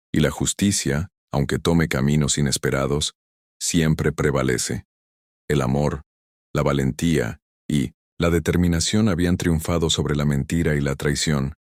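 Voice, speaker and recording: A man narrates a sentimental story in a measured, solemn manner. His voice sits extremely low. The recording is dry and close. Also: darkish tone, no echo.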